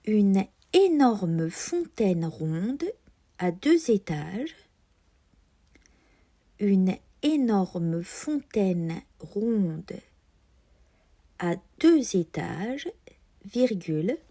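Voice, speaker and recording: Very slow, deliberate woman dictating. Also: medium pitch, sing-song, dark tone. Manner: careful, deliberate enunciation with marked liaisons. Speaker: teacher giving a dictation. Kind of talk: dictating slowly, repeating phrases and speaking punctuation aloud.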